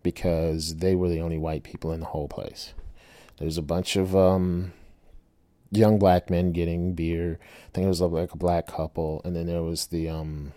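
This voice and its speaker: A man's voice: low voice, flat delivery, normal speed, warm tone, no room sound. A middle-aged man telling a personal story in a casual, chatty way, often tagging his lines with "right?" and laughing.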